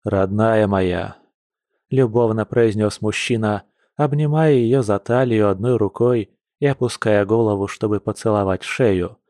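A man narrating a romance novel in an even, measured reading voice. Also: on the low side, no echo, studio quality. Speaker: audiobook narrator.

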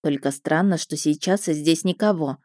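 A woman narrating a first-person story in a lively, expressive way. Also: sits low, normal speed, no room sound, clean studio sound. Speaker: audiobook narrator.

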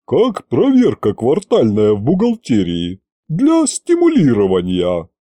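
A man's voice: mid-range voice, wildly swooping pitch, a little slow, dark tone, dry recording. A man voicing a dry, sarcastic middle-aged woman who is chief accountant at a royal court, in an audiobook. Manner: dry, sardonic.

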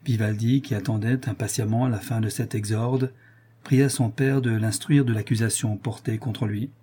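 Dark-voiced male audiobook narrator. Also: fairly low pitch, fairly even intonation, moderate pace, husky. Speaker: audiobook reader. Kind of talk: scripted narration of a classic novel.

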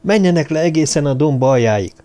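A man's voice: fairly high pitch, expressive, mellow, pitched above the performer's own voice, lightly acted. A man voicing a frantic adult man leading a search at night, urgent and commanding.

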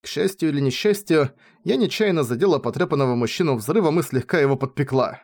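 A man narrating a novel in the first person with an expressive, lively reading. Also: on the high side, quick pace. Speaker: audiobook reader.

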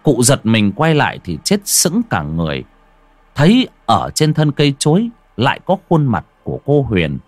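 A man narrating a ghost story theatrically, dropping to a hush and rising sharply. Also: mid-range voice, huge pitch swings, normal speed, no echo, soft background music. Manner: theatrical, swings from hushed to loud.

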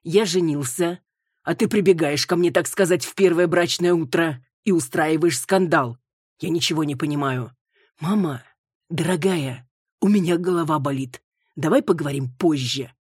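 A woman's voice: low-pitched, expressive, moderate pace, few pauses, a little mellow, slightly rough, dry recording, studio quality. A woman voicing a hungover, irritated young man arguing with his mother. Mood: exasperated. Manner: exasperated.

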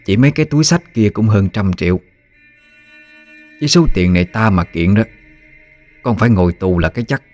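A man voicing a stern elderly grandmother who speaks slowly and calmly with firm authority. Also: fairly low pitch, soft background music, close to an everyday voice. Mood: stern commanding. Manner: slow, calm, authoritative.

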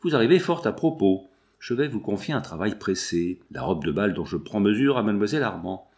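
A man's voice: fairly low pitch, very animated, fairly quick, darkish tone. A man reading as a commanding grand couturière. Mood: brisk. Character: grand older female couturière, brisk and commanding.

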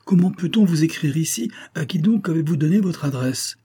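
A suspicious nobleman who presses with probing questions , voiced by a male narrator in a storybook reading. His voice sits a little above the narrator's usual level and stays dark and husky. He is stern and quickly irritated. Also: a little high, animated, voice pushed up. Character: suspicious middle-aged viscount, irritated and insistent.

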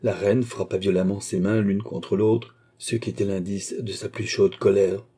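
A man narrating a classic novel as an audiobook in a measured, even manner. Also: fairly low pitch, husky. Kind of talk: scripted narration.

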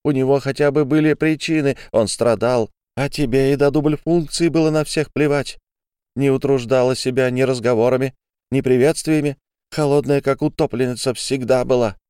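A man reading an audiobook, voicing a furious, bitter young woman who hurls accusations in a shrill voice. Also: moderate pace, a little mellow, clear, resonant tone, no room sound, clean studio sound, close to an everyday voice.

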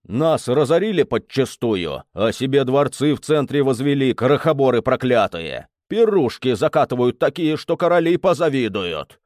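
A man voicing a burly bearded blacksmith who speaks loudly and slowly in anger. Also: medium pitch, very animated, no room sound, studio quality, lightly acted. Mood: angry. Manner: angry, slow, loud.

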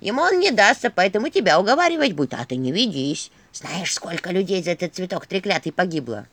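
A narrator voicing a cantankerous old female talking skull on a staff, with a creaky, shrill, scolding folk manner. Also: big pitch swings, fairly quick, a bit bright, no room sound. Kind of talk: audiobook character voice.

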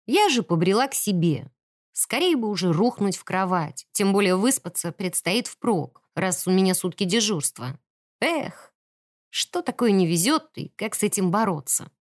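A woman narrating a novel in the first person, in a lively, expressive reading voice. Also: medium pitch, normal speed. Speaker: audiobook narrator.

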